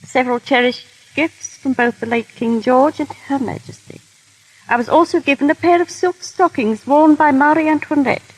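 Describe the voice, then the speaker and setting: A high, breathy-edged female voice belongs to a former royal dresser acting as guest technical advisor. She relates genteel, formal anecdotes during a scripted interview on 1930s radio. The vintage recording is rough.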